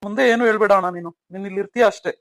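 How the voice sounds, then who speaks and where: A man's voice: high voice, very fast, a bit bright, dry recording. A man voicing an earnest young married man who pleads with his elder brother in a cartoon story. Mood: pleading. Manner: pleading, emotional.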